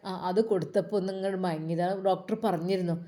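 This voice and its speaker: A woman voicing a calm husband who gently reassures and explains. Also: lowish voice, rapid-fire, natural voice. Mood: reassuring.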